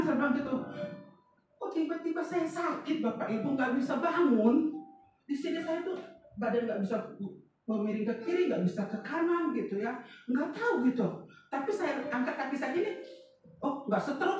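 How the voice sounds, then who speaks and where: A woman pastor preaches in a casual, talkative way, with a fairly high voice. She tosses questions to the congregation and tells a personal story with quoted dialogue and laughter. The recording is heavily echoey and picked up from a distance, with faint music behind. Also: darkish tone. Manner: chatty, conversational preaching with frequent rhetorical questions to the congregation. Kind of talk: sermon. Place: church.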